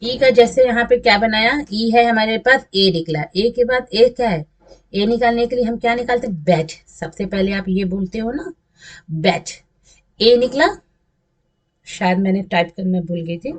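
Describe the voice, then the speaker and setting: A woman English teacher with a slightly high voice speaks at normal speed while giving a classroom lesson over slides. She patiently repeats example words and stretches them out.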